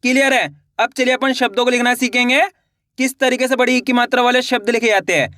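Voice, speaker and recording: In a spoken Hindi writing lesson for beginners, a male teacher with a very high, bright, crisp voice poses each question and then answers it himself, stretching his words out slowly. His intonation stays fairly even, and the close, dry recording has no room sound.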